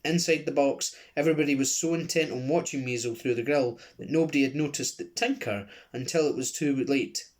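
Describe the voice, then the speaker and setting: A man with a Glasgow accent reading a children's book aloud, expressive, with chatty asides. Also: medium pitch, brisk, hardly any pauses. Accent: Scottish (Glasgow).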